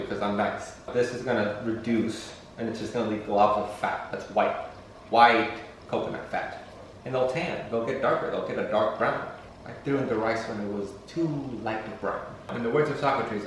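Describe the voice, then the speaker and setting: A man presents a recipe in a casual, rambling way, full of playful, self-deprecating asides. His medium-pitched voice comes from some distance off the mic. The room is very echoey, with faint noise behind him. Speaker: home cook hosting a recipe video. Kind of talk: casual, rambling cooking demonstration. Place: indoors at a stove, echoey room.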